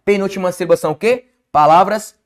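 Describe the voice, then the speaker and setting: A man with a Brazilian Portuguese accent teaches an exam-prep lesson in a fairly high voice. He stresses key words hard and keeps posing questions that he answers himself. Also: fast. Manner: emphatic, asks and answers his own questions.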